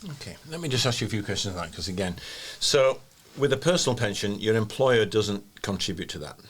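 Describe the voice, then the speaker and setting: A man's voice: lowish voice, animated, fairly quick, a bit bright, a little hiss or hum. A man with a broad Yorkshire accent hosting a podcast in a jokey, plain-speaking, conversational way. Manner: jokey, plain-speaking, checks understanding with questions. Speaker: podcast host.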